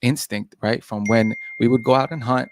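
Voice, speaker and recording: A man's voice: mid-range voice, fairly even intonation, moderate pace, a little hiss or hum. A man on a podcast panel who lectures in a casual debate and keeps asking "right?".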